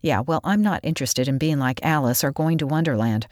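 Brief: woman voicing nervous storybook boy, low and anxious, dry close mic. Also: a little fast, darkish tone, no echo, natural voice. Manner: anxious, pleading. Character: jumpy nervous boy, easily scared.

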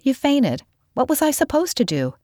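A woman's voice: high-pitched, normal speed, no room sound, pitched above the performer's own voice. Brief: woman voicing bold storybook girl, curious and teasing, raised voice, dry close mic. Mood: excited. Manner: teasing, excited.

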